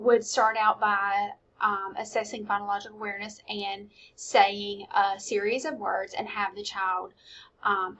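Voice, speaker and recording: A woman's voice: medium pitch, fairly bright tone, low-quality recording. A woman, a college instructor giving a recorded weekly course lecture, explaining steadily with frequent ums.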